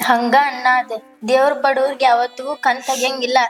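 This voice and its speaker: A woman's voice: high-pitched, little pitch movement, a little fast, soft background music, natural voice. A woman playing a tearful abandoned young wife. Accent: North Karnataka Kannada. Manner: tearful and plaintive. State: crying. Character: young sister whose drunk husband left her. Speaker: actress in a short film. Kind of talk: village family drama acting.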